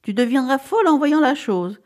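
A woman's voice: high voice, animated, normal speed, darkish tone, voice pushed up. A woman reading as a smug teasing dentist husband. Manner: teasing, self-satisfied. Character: cheerful smug middle-aged male dentist husband.

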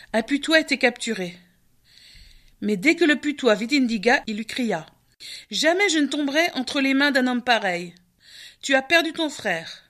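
Woman narrating a folk tale. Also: on the high side. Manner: measured, expressive. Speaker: storyteller.

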